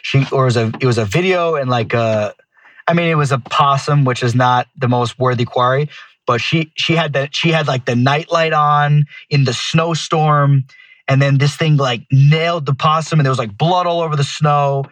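A man's voice: mid-range voice, moderate pace, a bit bright, dry recording. A man chatting casually and telling stories in a slangy way, full of dude and bro. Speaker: guest falconer telling stories. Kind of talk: casual chat, animated storytelling.

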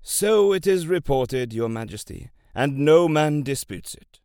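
A man voicing a humble, dignified wealthy old man of about seventy who answers calmly and plainly. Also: a little high, unhurried, clean tone, no echo, studio quality. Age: 70s.

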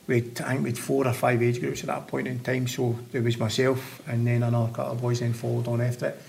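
A very gravelly, creaky man with a west of Scotland accent chats casually as a guest. His pitch is middling, and there is faint noise behind him. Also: level tone, fast, darkish tone. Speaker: podcast guest, former footballer. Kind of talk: casual chat.

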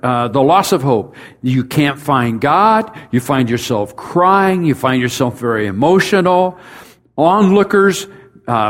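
A pastor preaching a sermon in a conversational way, talking straight to his congregation and building up to emphatic rhetorical questions. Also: medium pitch. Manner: conversational, speaks directly to the congregation.

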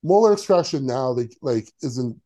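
Male podcast co-host, mellow low tone, sarcastic, opinionated riffing. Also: lively intonation, normal speed. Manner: sarcastic, opinionated, lots of fillers. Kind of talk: casual chat.

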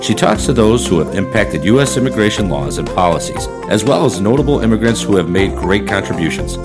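A man voicing a podcast promo in a lively, salesy way. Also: lowish voice, brisk. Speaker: promo announcer. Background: loud music.

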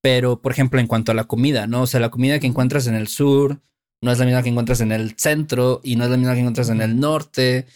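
A man's voice: mid-range voice, steady tone, quick pace, darkish tone. Mexican man chatting, full of fillers. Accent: Mexican Spanish. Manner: chatty, many fillers like "este". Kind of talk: casual chat.

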